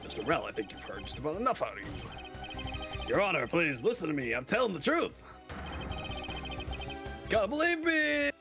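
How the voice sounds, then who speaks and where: A dramatic courtroom defendant from a video game, put on by a man. He accuses and pleads emphatically with big swings in pitch. His voice has a creaky edge, with music playing behind it. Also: sing-song, a little fast. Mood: accusing, desperate. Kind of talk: video game voice-over read aloud.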